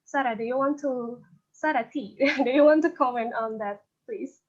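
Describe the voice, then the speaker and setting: A woman's voice: high-pitched, moderate pace. Woman moderator on a muffled call. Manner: friendly, questioning. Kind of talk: webinar moderating. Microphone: video call. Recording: dull lo-fi video call audio.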